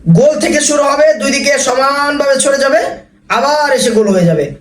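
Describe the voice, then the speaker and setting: A man with a very high voice gives a lesson on reading the Quran. He sounds out letters slowly and repeats them with patience, heard from a little way off the mic in a roomy, echoing space. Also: a bit bright, distant mic, a little hiss or hum. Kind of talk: recorded online lesson on letter pronunciation.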